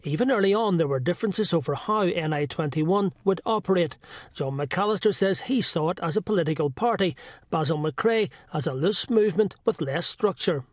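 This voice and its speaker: Male TV political reporter, high register, scripted narration. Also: animated, moderate pace, no echo, clean studio sound.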